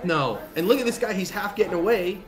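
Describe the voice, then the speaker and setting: A middle-aged man giving casual, animated commentary on a video, acting out quotes and laughing along. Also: sits high, brisk, music in the background. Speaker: self-defense video commentator. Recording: roomy echo.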